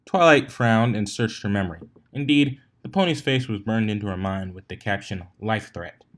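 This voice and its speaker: Reading a fan fiction story with character voices, this man narrates expressively in a lowish voice at a moderate pace. He occasionally trips on a word and fixes it.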